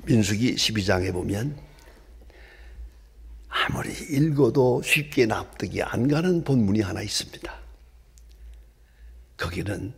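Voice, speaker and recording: A male pastor delivers a sermon in a gravelly, husky voice. His pitch leaps about as he shifts from ringing exclamations to hushed, breathy whispers. The pitch sits a little high for a man. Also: animated, a little slow, pauses often. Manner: dramatic swings from loud exclamations to hushed whispers.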